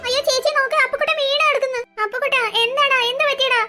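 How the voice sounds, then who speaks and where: A woman's voice: extremely high pitch, fairly even intonation, racing, bright, forceful tone, soft background music, voice pushed up. A woman voicing a caring, outspoken older sister in a cartoon story who protects her little brother.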